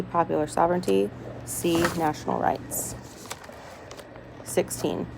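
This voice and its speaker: Lowish woman w vocal fry reading test questions out loud in a hospital room, bit of background noise. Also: rough recording. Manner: deliberate, item-by-item reading with small stumbles. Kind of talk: reading multiple-choice test questions aloud. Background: people talking, ambient noise.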